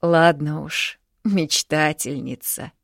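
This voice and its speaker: A woman voicing a soft-spoken, patient mother in an audiobook. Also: low voice, normal speed, no room sound, studio quality. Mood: gentle. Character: mother, gentle and weary.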